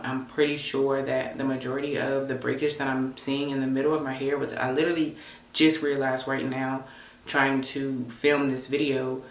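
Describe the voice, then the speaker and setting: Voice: mid-range voice, a bit bright. Upset, tearful-sounding vlogger in a roomy space. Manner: emotional and upset, stressed, close to tears. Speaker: hair vlogger and loctician. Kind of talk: candid, confessional vlog talk. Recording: roomy echo, faint background noise.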